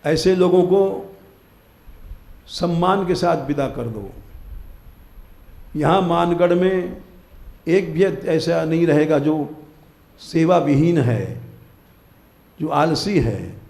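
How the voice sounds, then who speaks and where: An older man delivers a live spiritual discourse, slow and deliberate, pressing his listeners to rise and be diligent. His voice sits a little high yet sounds mellow. It rings out in a roomy hall. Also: gravelly. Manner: exhorting, commanding listeners to wake up. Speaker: spiritual teacher giving a discourse. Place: temple hall, live gathering.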